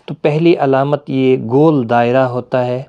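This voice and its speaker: A man teaching a Quran reading lesson, explaining patiently with pauses and drawn-out fillers. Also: medium pitch, fairly even intonation, clean tone, muffled recording.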